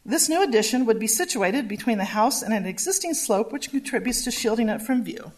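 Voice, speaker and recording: Higher-pitched woman presenting planning findings. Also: expressive, darkish tone. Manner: measured, reading from slides. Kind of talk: formal public hearing presentation.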